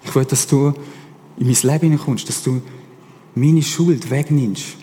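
A man's voice: mid-range voice, a little slow, a little hiss or hum. Swiss man preaching in a reverberant hall. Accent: Swiss German. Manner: casual, animated preaching with slang. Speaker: pastor. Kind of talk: sermon.

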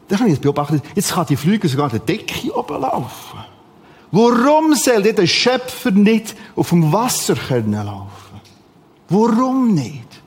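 A man preaching a sermon in a lively, conversational way, with sudden emphatic outbursts. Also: high-pitched, in a large hall.

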